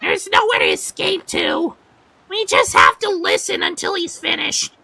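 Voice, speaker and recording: A man voicing a perky young female creature adventurer, chatty and excitable. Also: extremely high pitch, measured pace, gravelly, voice pushed up, full character voice.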